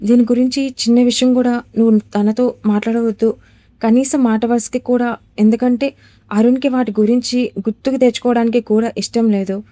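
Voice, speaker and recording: A woman's voice: fairly high pitch, steady tone, fairly quick, dark tone, no room sound, lightly acted. A woman voicing a frightened young bride who pleads in a trembling voice in a storybook drama. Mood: pleading.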